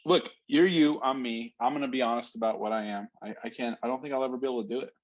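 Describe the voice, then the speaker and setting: A man's voice: mid-range voice, fast, dull audio. A man chatting as a podcast guest, easygoing, friendly and jokey. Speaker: podcast guest, police commander and comedian. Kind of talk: casual podcast chat.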